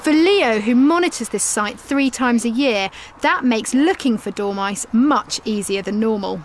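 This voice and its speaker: High-voiced woman narrating a nature documentary. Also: lively intonation, unhurried, slight background noise.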